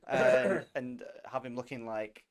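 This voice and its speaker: A man's voice: medium pitch, steady tone, unhurried. A man co-hosting a football podcast in laid-back casual chat, often laughing. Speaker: podcast co-host.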